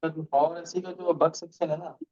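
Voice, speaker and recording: A man's voice: a little high, flat delivery, moderate pace, crowd noise. A man asking his teacher a question on an online class, with a choppy call connection that breaks up. He talks hesitantly and repeats hello while trying to get through. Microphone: remote participant on a video call. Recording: muffled lo-fi online call audio.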